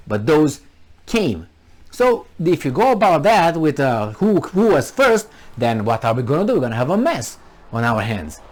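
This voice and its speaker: Full of rhetorical questions, this political monologue comes from a commentary channel host who is originally from Transylvania and speaks with a Romanian accent. He argues his case in a voice that is on the high side with a darkish tone.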